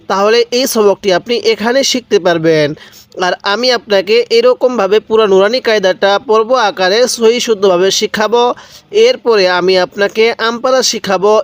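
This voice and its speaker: A man teaching Quran reading step by step, patiently repeating rules and slowly drawing out each syllable as he spells out the letters. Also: sits high, smooth, no echo. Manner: patient, repetitive explanations. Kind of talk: step-by-step recitation lesson.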